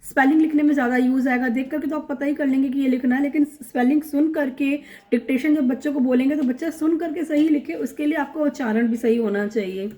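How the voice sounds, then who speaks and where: A woman's voice: sits high, steady tone, dark tone, echoey room. A woman teaching English phonics, patiently working through examples and checking that her students follow. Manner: patient, drawn-out examples, frequent check-ins like "clear?". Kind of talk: phonics lesson in Hindi.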